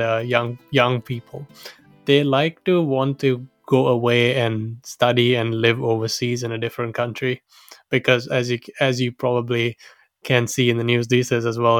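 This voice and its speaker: A young man from Sri Lanka in his twenties tells his own story in a relaxed, chatty way, often restarting his phrases and laughing along. His voice sits at an ordinary middle pitch and is recorded close and dry, with no room sound. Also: no echo. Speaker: guest storyteller. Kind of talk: casual personal storytelling.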